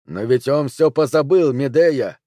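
A man doing a small hushed childlike spirit. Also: medium pitch, lively intonation, unhurried, dry recording, clean studio sound, close to an everyday voice. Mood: anxious. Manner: soft, hushed.

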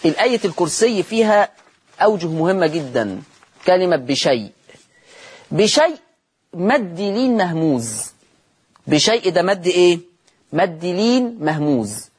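A man with an Egyptian accent teaching a recitation lesson on television, asking questions and answering them himself and drawing out the example words slowly. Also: sits high, sing-song, slightly rough. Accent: Egyptian Arabic.

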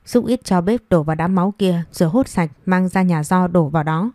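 A woman's voice: on the low side, fairly quick, dark tone, no room sound, studio quality, lightly acted. A woman voicing a cruel village wife who hisses and scolds a child in a storybook reading. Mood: scolding. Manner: hissing, scolding.

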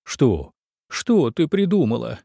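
A man voicing a timid, sad and gentle monster in a storybook reading, with a plaintive manner. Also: medium pitch, very animated, slow pace, vocal fry, breathy edge, no echo, studio quality, exaggerated voice.

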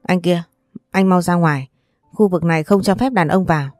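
A brusque clinic nurse, voiced by a woman narrator gives curt orders. The voice is low and mellow. The sound is dry and close. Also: normal speed, no echo, soft background music, natural voice.

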